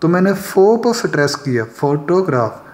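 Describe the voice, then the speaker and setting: A male English teacher gives a lesson in a fairly high voice. He reads definitions slowly and says example words several times to show where the stress falls. The sound carries a clear room echo. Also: animated, darkish tone. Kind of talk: classroom lesson explaining poetic meter. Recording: echoey room.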